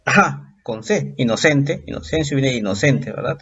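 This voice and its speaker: A man teaching a recorded exam-prep lesson, patiently explaining step by step and drawing out example words slowly. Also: medium pitch, lively intonation, a bit bright, husky, lo-fi sound.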